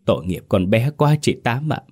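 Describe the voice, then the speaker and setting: A man's voice: medium pitch, very animated, moderate pace, a little mellow, voice pushed up. A man voicing a kindly, lonely older neighbor woman speaking with sighing sympathy. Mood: pitying.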